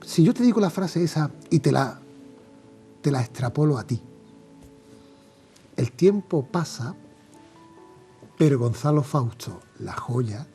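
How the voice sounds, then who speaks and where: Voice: mid-range voice, animated, slow, pauses often, warm tone, soft background music. An interview host asking questions and affirming the guest with short agreements.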